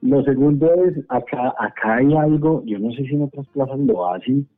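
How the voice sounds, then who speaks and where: A man's voice: mid-range voice, moderate pace. A Colombian man with a Colombian Spanish accent, chatting and joking as a panelist on a radio discussion. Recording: dry phone-like radio line.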